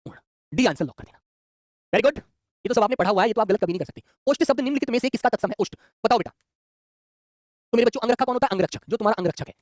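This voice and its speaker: A man's voice: high voice, no echo, clean studio sound. A man teaching an exam-prep Hindi grammar lesson, affectionately calling his students children and repeating each question.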